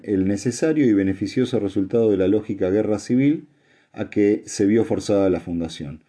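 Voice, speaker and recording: A man reading aloud and voicing a male sage who speaks calmly and formally in a recorded message. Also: fairly low pitch, natural voice. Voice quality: calm, measured, formal.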